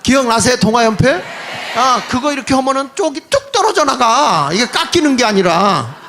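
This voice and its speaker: High-voiced older man lecturing animatedly. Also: normal speed, a little hiss or hum. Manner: animated, mocking, quips with laughing asides. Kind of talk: political history lecture to an audience.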